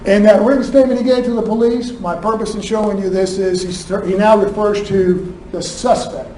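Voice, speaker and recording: High-voiced prosecutor, echoey courtroom. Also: male voice, fairly even intonation, fairly quick, mellow. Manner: argumentative, fires rhetorical questions at the jury. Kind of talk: courtroom closing argument. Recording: echoey courtroom, distant mic, faint room noise.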